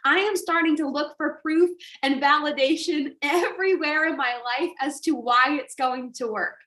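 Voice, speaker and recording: A woman with a high voice gives an emphatic motivational talk, firing rhetorical questions at her audience. The room around her rings with echo. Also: normal speed, pushed and bright. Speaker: business coach.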